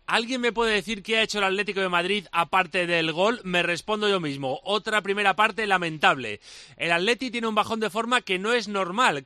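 A man with a Spain Spanish accent reads listener messages aloud as a radio co-host, clear and measured. His voice is high and bright. The sound is close and dry. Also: no echo.

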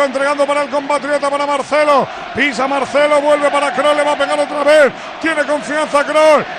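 A man from Spain calling football live on radio, shouting and repeating catchphrases at speed. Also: extremely high pitch. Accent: Spanish from Spain. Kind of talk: excited live play-by-play commentary. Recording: noisy broadcast with crowd behind.

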